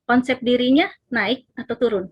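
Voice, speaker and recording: A woman's voice: fairly high pitch, moderate pace, breathy edge, lo-fi sound. A woman speaker explaining parenting in an online seminar, asking her audience questions as she goes.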